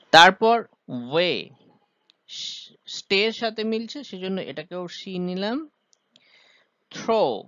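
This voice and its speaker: A man's voice: sits high, sharp tone, no room sound, highs cut off. A man teaching a poem's rhyme scheme and meter, explaining step by step with frequent "ah" hesitations. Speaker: literature teacher.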